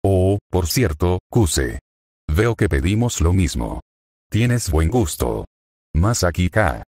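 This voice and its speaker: A teasing teenage schoolgirl from a storybook fanfic, playful and sure of herself, as a man narrating puts her on. The voice sits low and stays dry and close, with no room around it. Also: big pitch swings, slow, darkish tone, no echo, full character voice. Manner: teasing, lightly sing-song.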